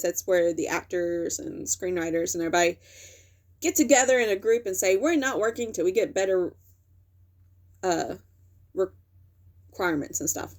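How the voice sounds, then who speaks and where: A young woman hosting a casual commentary video, rambling and correcting herself with lots of fillers as she talks. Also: on the low side. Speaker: video host. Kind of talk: casual talking-head commentary.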